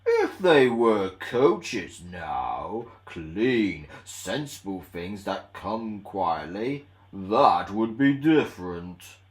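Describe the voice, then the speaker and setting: A big, boastful steam engine from a storybook, acted out by a man. The voice booms slowly and pompously, swinging widely in pitch as it brags and grumbles. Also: big pitch swings, slight background noise, exaggerated voice. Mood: straining, grumbling. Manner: pompous, booming, drawn-out delivery.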